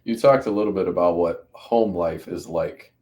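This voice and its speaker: Low-voiced guy hosting a podcast, easygoing questions, from the mid-atlantic. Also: moderate pace, darkish tone. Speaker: podcast host. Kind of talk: interviewer questions.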